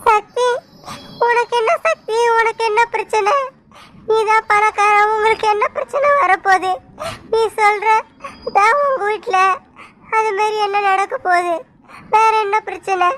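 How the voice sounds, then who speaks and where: A woman's voice: extremely high pitch, a little slow, pauses often, background noise. A woman with a Tamil accent voicing a frightened young woman in a cartoon, crying and urgent. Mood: tearful.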